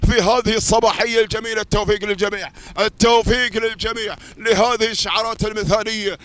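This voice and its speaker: A man with an Emirati Arabic accent giving live camel race commentary in a rapid, chanting delivery that repeats its phrases. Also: high voice, a bit bright, no room sound.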